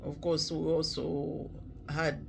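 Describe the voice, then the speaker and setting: A man from Malawi, talking slowly and reflectively in a casual vlog, with many pauses and fillers. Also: on the high side, monotone, background noise. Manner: halting, many pauses and "you know" fillers, clears throat often. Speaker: vlogger.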